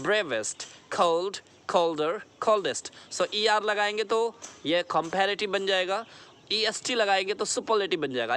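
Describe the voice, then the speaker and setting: A man with an Indian English accent explaining a grammar lesson, repeating words slowly and checking that his students understand. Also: sits high, fairly bright tone, a little hiss or hum. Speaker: English teacher.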